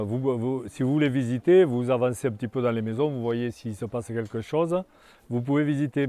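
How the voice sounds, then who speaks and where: An older man giving a guided tour of a hamlet outdoors, talking in a halting way with many restarts and fillers. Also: mid-range voice, mellow.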